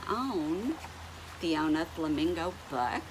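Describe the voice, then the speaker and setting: A middle-aged storyteller with a deep, animated voice reads a picture book to young children from a couch at home. She takes her time, draws out words, lets her pitch swoop and turns to the kids with questions. Noticeable background noise fills the home recording.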